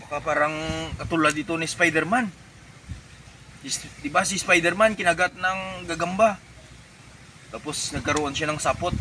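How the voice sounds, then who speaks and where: A man playing a naive, excitable would-be superhero in a comedy skit, thinking aloud in melodramatic exclamations. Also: a little high, moderate pace, long pauses. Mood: puzzled, curious. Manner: exclamatory, melodramatic self-talk with villain-like laughing. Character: excitable naive man turning superhero after a chicken peck. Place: outdoors. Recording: noisy outdoor recording with vehicle sounds.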